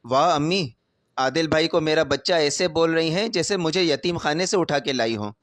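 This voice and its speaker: A man's voice: on the high side, a bit bright, no room sound, clean studio sound, close to an everyday voice. A man doing a bitter, stern younger son.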